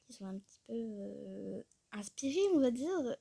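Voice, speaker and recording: Breathy mellow-voiced woman rambling. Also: on the high side, lively intonation, a little slow, dry recording. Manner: rambling, talks to herself, often drops to a murmur. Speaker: YouTuber showing a tutorial. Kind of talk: casual screen-recorded tutorial chat.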